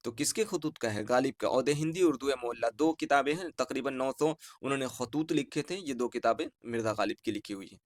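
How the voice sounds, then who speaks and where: Brief: male teacher, Urdu-inflected Bihari Hindustani accent, reads exam options slowly and repeats answers, mid-pitched voice, dry close sound. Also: dry recording. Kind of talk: online exam answer-key lesson.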